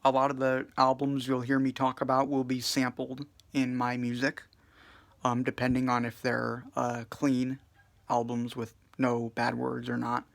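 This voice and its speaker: A man giving a casual music review in a subdued, flat way, full of hesitations and fillers. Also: mid-range voice, measured pace, gravelly. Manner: hesitant, many fillers and restarts.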